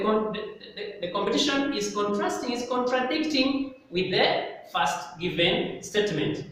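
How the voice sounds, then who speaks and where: Slow, repetitive male teacher in echoey hall. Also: extremely high pitch. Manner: slow, repetitive, stresses key words. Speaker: English teacher. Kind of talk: classroom grammar lesson. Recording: echoey hall, mic far off, faint noise.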